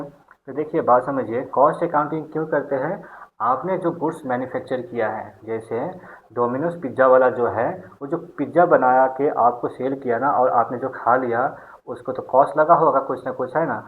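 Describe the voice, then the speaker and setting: A man's voice: medium pitch, normal speed. Male tutor, chatty lecture with constant checking in, thin phone-line audio. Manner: repeats "ठीक है" often, asks and answers his own questions. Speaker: accountancy teacher. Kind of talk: online class lecture. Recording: tinny phone-like sound.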